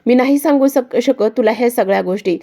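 A woman's voice: a little high, brisk. A woman voicing an angry young woman who hurls accusing questions at a rival, in a TV-serial recap. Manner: accusing, sharp rhetorical questions. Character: jealous, furious young woman lashing out.

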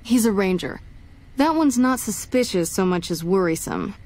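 A female military police officer voiced by an actress speaks in dry game dialogue at a medium pitch. She is no-nonsense, wry and matter-of-fact. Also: lively intonation, moderate pace, darkish tone, close to an everyday voice.

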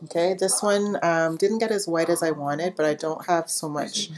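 A woman's voice: on the low side, fairly even intonation, normal speed, crowd noise. A woman chatting casually at home while showing her handmade soap, rambling with lots of fillers. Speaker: soap maker. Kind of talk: casual vlog chat.

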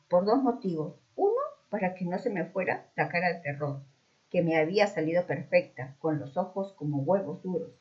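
A woman narrating a children's mystery story aloud, expressive and acting out the dialogue. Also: fairly low pitch. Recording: dull muffled recording.

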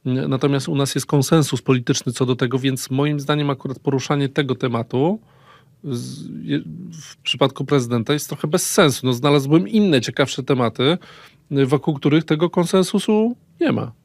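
A man in his thirties co-hosting a political podcast, speaking measured and hesitant, often pausing with fillers, on a studio desk mic. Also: medium pitch, gravelly, no echo. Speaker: political commentator co-host. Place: small dark padded studio. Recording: dry close studio sound.

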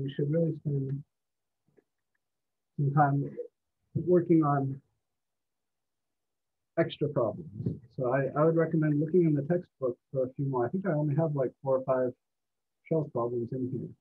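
A man teaching a college math class live online from home, relaxed and encouraging, with many fillers. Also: medium pitch, normal speed, long pauses, breathy edge. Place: home, on a video call. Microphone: computer mic on a video call. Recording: dull lo-fi video call audio.

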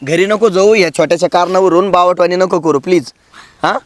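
A man's voice: sits high, a little fast, no echo, lightly acted. Man playing a henpecked young husband. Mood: pleading. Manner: pleading, placating. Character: young husband caught between mother and wife. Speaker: son and husband.

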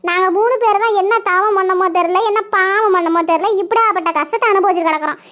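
Brief: woman playing a worried cartoon neighbor, high and shrill, coaxing, on a dull lo-fi track. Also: fast talker, bright, forceful tone. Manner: coaxing, fussing, exclaiming. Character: concerned young village woman neighbor. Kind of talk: cartoon voice acting. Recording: muffled lo-fi recording.

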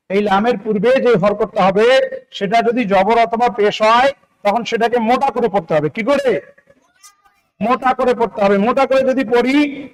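A man's voice: extremely high pitch, low-quality recording. A man from Bangladesh teaching Quran recitation step by step, patiently repeating syllables, asking questions and chanting the words drawn out. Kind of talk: spelling-out recitation lesson.

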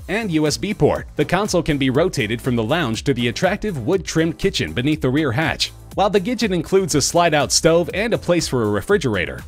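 A man reading a scripted voice-over narration in a smooth promotional manner. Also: fairly high pitch.

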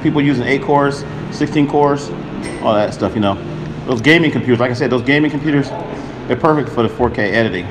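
He talks quickly at a medium pitch: a vlogger in his forties showing off his streaming setup in a loose, chatty walkthrough full of repetition. The camera-mounted mic starts handheld and moves to a tripod, capturing a loud coffee shop at night.

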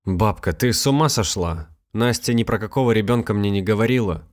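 A man's voice: lowish voice, fairly quick, natural voice. A man voicing a grieving, bewildered young husband in a storybook reading, with a terse, clipped delivery.

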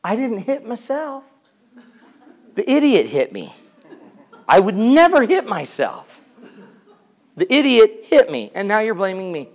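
A man's voice: high voice, huge pitch swings, unhurried, long pauses, voice pushed up, heavily acted. A man playing an indignant, self-pitying man who blames everyone else in a whiny outburst.

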